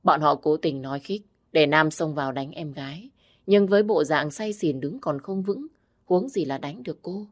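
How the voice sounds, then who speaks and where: A woman narrating a story in a plain, even storytelling manner. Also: low-pitched, moderate pace. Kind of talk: storybook narration of a romance novel.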